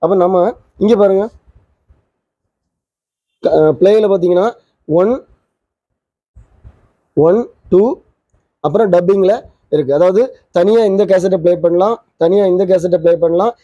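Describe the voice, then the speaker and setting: A man hosting his channel quickly demonstrates a vintage twin-cassette tape recorder, pointing out its parts as he goes in a casual product demo. His voice sits high with a warm tone, and the recording sounds dry, dull and lo-fi.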